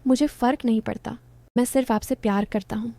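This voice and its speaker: An infatuated young student pleads his feelings in a soft, earnest voice, as a woman narrator puts him on. The voice sits fairly high and mellow. The sound is dry and close. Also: steady tone, brisk, dry recording, lightly acted. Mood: earnest, tender.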